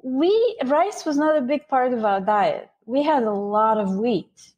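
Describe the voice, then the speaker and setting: A woman from Bulgaria, a guest author, explaining ideas in an interview with lively, restarting phrasing. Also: a little high, a little slow, slightly rough, highs cut off. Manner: explanatory, animated, with frequent restarts. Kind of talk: interview conversation.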